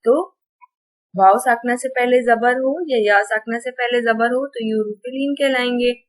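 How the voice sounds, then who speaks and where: A woman teaching a Quran reading lesson, gently chanting syllables one by one with patient explanations. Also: fairly high pitch, steady tone, measured pace, rough recording. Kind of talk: slow syllable-by-syllable recitation lesson.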